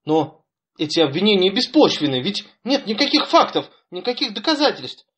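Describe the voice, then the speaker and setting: A man voicing a frightened young man, pleading and pushed to high, indignant cries in an audiobook. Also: very animated, normal speed, fairly bright tone. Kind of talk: audiobook character reading.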